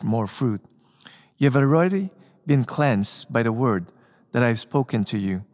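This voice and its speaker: Male priest, middle-aged, medium pitch, liturgical address with long cathedral echo. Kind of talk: Gospel reading and homily from the lectern. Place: inside a church, at the lectern. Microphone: gooseneck lectern microphone.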